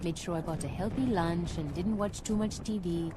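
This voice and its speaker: An actress playing a plucky young woman in danger in an audio drama, expressive in delivery. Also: on the low side, moderate pace, noisy background, natural voice. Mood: calm, confiding. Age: young adult. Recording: loud music behind the voice.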